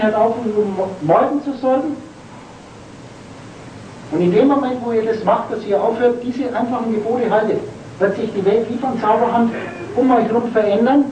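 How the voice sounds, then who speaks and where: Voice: medium pitch, darkish tone, slight background noise. A spiritual lecturer giving a preachy talk to a seated audience, full of rhetorical questions and spelling out words letter by letter. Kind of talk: esoteric lecture to a live audience. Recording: roomy, distant from the mic, faint ambience.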